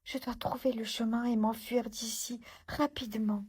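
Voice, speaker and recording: A woman's voice: little pitch movement, normal speed, breathy edge. A woman doing a timid little girl. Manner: small, high, soft voice.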